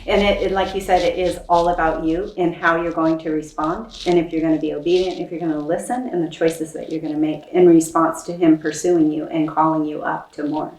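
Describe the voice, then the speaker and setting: A woman's voice: sits low, steady tone, brisk, few pauses, a little mellow. A woman co-host in a faith interview, affirming the guest and asking encouraging questions. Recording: echoey room, mic far off, faint noise.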